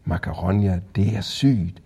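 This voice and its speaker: A man reading a story and voicing a blunt, sarcastic young girl in a dry, low-key way. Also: mellow, breathy edge.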